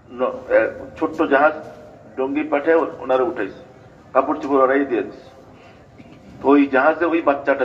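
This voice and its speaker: An older man from Bangladesh giving a sermon, telling stories and chanting invocations. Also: mid-range voice. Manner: storytelling preaching with chanted invocations. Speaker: preacher. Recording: dull lo-fi recording.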